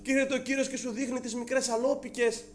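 A man's voice: very high voice, little pitch movement, a little hiss or hum. A male preacher giving a fervent sermon, addressing the congregation as brothers, with frequent hesitant fillers.

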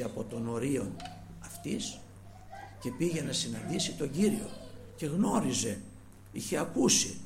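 A man's voice: medium pitch, vocal fry, slight background noise. A man preaching a sermon, earnest and retelling scripture with quoted pleas, often trailing his phrases off to a near-whisper.

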